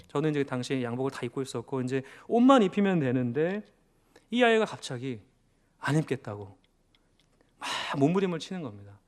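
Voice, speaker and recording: A man in his thirties, a pastor, preaching a storytelling sermon in an earnest, confessional way, with sudden raised bursts. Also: medium pitch.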